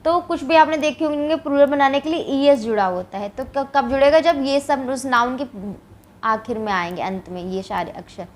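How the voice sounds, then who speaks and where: High-voiced woman teaching grammar. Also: normal speed. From India. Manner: explains step by step, asking and answering her own questions; says "ठीक है" often as a check-in. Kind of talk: classroom grammar lesson.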